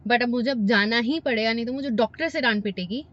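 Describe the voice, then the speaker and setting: A woman's voice: on the high side, quick pace, fairly bright tone. An Indian woman chatting casually to the camera in her vlog, mixing Hindi and English. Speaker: vlogger. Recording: dull lo-fi recording.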